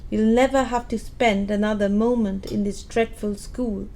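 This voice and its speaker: A woman's voice: medium pitch, steady tone, normal speed, warm tone, lightly acted. A woman playing Fan, an affectionate and eager young sister, speaking earnestly in an audio play.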